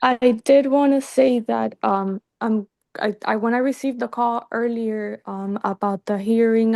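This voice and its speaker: Woman, video call audio, testifying, halting, raised pitch, some vocal fry. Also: warm tone. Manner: hesitant, halting, restarts sentences. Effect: heard over a video call. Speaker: witness in a court hearing. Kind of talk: testifying to a judge.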